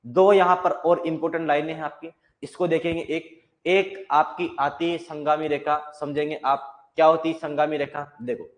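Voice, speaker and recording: A male maths teacher talks through a lesson in a fairly high voice. He explains each point step by step and often asks the class a question before he answers it himself. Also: little pitch movement, moderate pace. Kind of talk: classroom lecture.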